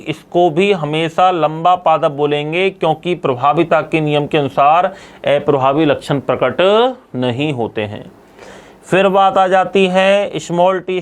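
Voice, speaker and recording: Male science teacher, high ringing voice, call-and-response drilling style. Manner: asks students questions and answers them himself; repeats key terms for drilling. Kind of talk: classroom lecture.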